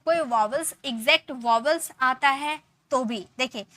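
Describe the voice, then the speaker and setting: A woman's voice: high-pitched, measured pace, fairly bright tone. A woman teaching English pronunciation rules, patiently repeating example words and asking her students questions.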